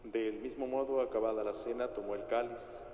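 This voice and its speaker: Male priest for liturgical prayer, solemn measured delivery, very echoey cathedral-style acoustic. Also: medium pitch, steady tone, mellow. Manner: solemn, formal, measured recitation. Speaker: priest celebrating Mass. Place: large reverberant church interior. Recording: echoey church hall, long reverb, noisy.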